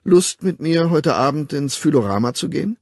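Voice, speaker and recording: A man's voice: fairly high pitch, expressive, normal speed, darkish tone, dry recording, pitched above the performer's own voice. A man doing a breezy, coaxing young man. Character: cheerful, pushy young male colleague. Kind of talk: audiobook character voice.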